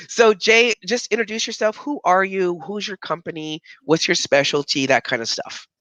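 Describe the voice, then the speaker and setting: Upbeat bright-voiced male host, dry sound. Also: high-pitched, normal speed, no room sound. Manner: upbeat, warmly enthusiastic. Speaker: host, interviewer. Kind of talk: casual interview talk.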